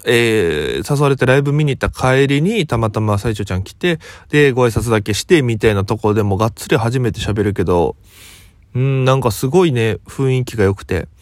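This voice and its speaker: A young comedian from Okinawa, just woken up, telling a rambling story in a relaxed solo talk. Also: male voice, mid-range voice, brisk, no room sound, studio quality. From Okinawa, Japan. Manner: relaxed rambling storytelling, quoting others as he goes. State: just woken up, voice lower than usual.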